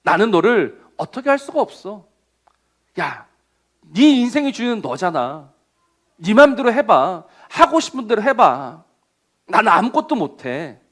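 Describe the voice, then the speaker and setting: Death as a sly, deceitful tempter that coaxes and flatters, speaking in a high, lively man's voice, as a preacher puts him on mid-sermon. The melody rises and falls as if to lull the listener into false freedom. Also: measured pace, heavily acted. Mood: coaxing.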